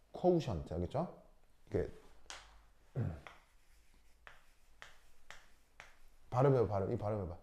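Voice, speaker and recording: A man's voice: mid-range voice, warm tone. A man teaching a chemistry class, lecturing and drilling pronunciation, often asking whether students follow. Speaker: high school chemistry teacher.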